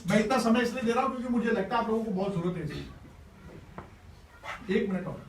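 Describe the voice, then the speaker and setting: Quick and expressive, a male teacher with a high voice leads a school workshop in a classroom, playfully encouraging and coaxing the students. The distant mic picks up a roomy, echoey space full of classroom noise.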